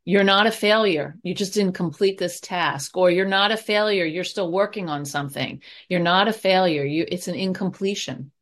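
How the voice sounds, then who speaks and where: A chatty woman, a guest expert on anxiety, gives parents advice in loose talk full of fillers and restarts. Her voice sits a little low. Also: normal speed, few pauses, fairly bright tone. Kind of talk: conversational advice.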